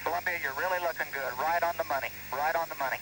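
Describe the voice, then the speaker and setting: A man at mission control giving brisk, encouraging calls over a distant two-way radio transmission. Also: a little high. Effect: crackly distant two-way radio transmission. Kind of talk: air-to-ground radio calls. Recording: noisy distant archive radio audio.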